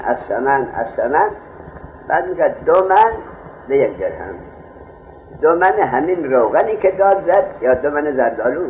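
A man teaching a grammar class, explaining with everyday market examples and answering his own questions. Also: a little high. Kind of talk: classroom lecture on Arabic grammar. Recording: tinny phone-like lo-fi recording, faint hiss.

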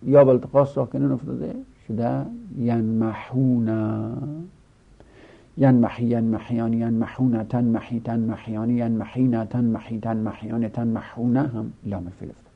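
Gravelly-voiced male seminary teacher. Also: mid-range voice, little pitch movement, phone-quality sound. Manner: chanting word forms in drawn-out recitation. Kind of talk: Arabic grammar lesson.

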